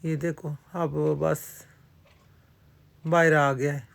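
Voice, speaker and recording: A woman's voice: low voice, steady tone, vocal fry. A woman narrating a casual vlog from an outdoor amusement park. She talks straight to her viewers and fills her talk with religious phrases. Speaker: vlogger.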